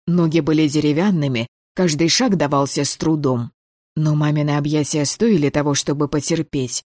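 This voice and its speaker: An audiobook reader gives steady, measured first-person fantasy narration at a middle pitch. The recording is dry and close, with no room sound. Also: no room sound.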